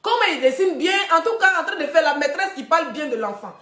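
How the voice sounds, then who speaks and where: A woman, hosting a casual live stream and telling gossip straight to her viewers in a chatty, animated way. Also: high voice, fast, echoey room. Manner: chatty, animated storytelling, addressing viewers directly.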